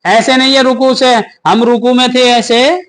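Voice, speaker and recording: A man teaches the steps of prayer. His voice sits high and he talks slowly and deliberately. He recites verses with long pauses between phrases. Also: flat delivery, a bit bright. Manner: asks questions and answers them himself, recites slowly with pauses. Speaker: religious teacher. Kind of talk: step-by-step prayer lesson.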